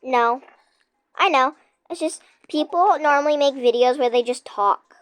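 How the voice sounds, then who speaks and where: A high-voiced young girl chatting through a game on her channel, giggly and chatty, talking to her viewers in between. Her pace is slow and easy, and the mic sounds close and dry. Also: no echo. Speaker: gaming channel host. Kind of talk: casual gameplay chat with a friend.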